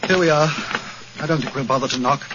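An actor playing a nervous, defensive gentleman in an old radio drama. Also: medium pitch, fast, lightly acted. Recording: noisy lo-fi old radio recording.

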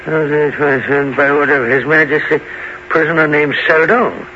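A muffled radio drama recording with faint noise, featuring a man playing a flustered prison governor. His fairly high, animated voice stammers and repeats itself anxiously. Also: normal speed, close to an everyday voice. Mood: doubtful. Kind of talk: audio costume drama acting. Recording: muffled, noisy old radio-style recording.

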